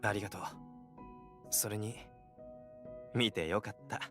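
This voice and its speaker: An actor playing a tender young man who acts as a protective older brother, speaking gently and affectionately in a game scene. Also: lowish voice, steady tone, fairly quick, over music, lightly acted. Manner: gentle, affectionate, quietly teasing. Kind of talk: game voice acting.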